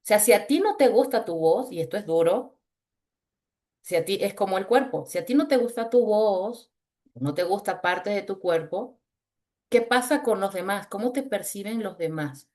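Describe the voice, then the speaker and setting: A woman with a low, chest-resonant voice, leading a webinar on voice in a lively, teasing, conversational way over a video call. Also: normal speed. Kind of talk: webinar talk with exercises.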